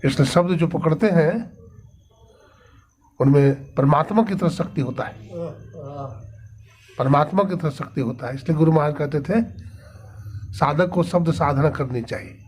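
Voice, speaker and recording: Male spiritual preacher, slightly high-pitched, sermon delivery, faint hiss behind. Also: moderate pace, pauses often, darkish tone. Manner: explains with rhetorical questions and answers them himself. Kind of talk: devotional sermon.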